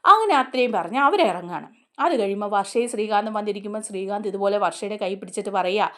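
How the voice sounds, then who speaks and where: A woman's voice: medium pitch, lively intonation, quick pace, a bit bright. A woman hosting a serial review, casually retelling the scenes in a chatty way and often turning to the listener. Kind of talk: casual storytelling recap of a TV serial.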